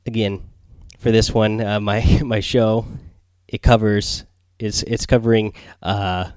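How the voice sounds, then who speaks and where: A man hosting a casual gaming podcast in a quiet, subdued late-night manner, rambling and hesitant as he goes. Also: fairly low pitch, little pitch movement, takes it slowly, no room sound. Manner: quiet, subdued late-night delivery, holding back so as not to wake others. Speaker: solo podcast host. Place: small home recording space near bedrooms.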